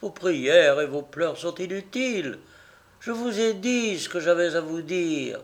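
A man voicing a proud, unloving young wife in an audiobook, speaking in a firm, measured, icy way. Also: fairly high pitch, lively intonation. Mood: imperious. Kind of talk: audiobook reading.

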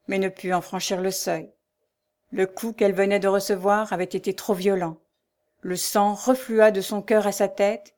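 A woman narrating an audiobook of a classic novel in a measured, clear, expressive way. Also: medium pitch.

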